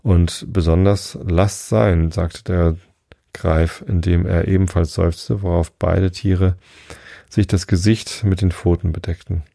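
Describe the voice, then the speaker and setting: Deep, gravelly male storybook reader. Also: measured pace, dry recording, studio quality. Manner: steady with small slips. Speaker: audiobook reader. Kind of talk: storybook reading aloud.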